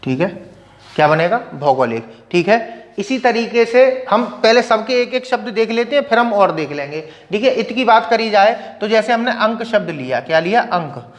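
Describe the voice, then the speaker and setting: A man's voice: sits high, expressive, moderate pace, big-room sound. A man teaching a grammar lesson, asking his class questions and answering them himself, with "okay" after nearly every line. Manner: asks questions and answers them himself, repeats "ठीक है" constantly. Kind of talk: classroom lecture.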